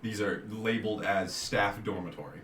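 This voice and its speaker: A man running a tabletop game as game master, narrating in a relaxed, chatty way and laughing easily. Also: lowish voice, moderate pace. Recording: echoey room with faint noise.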